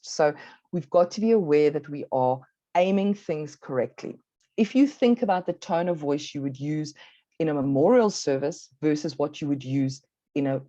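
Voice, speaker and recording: A South African woman leads a workshop in a low, mellow voice, measured and instructive, stressing key words. The sound is close and dry with no echo, though dull and lo-fi, like an online talk.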